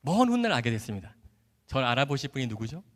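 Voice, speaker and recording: A man who is a doctor giving an animated church testimony, acting out dialogue and laughing often as he tells his story. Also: mid-range voice, quick pace. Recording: echoey hall.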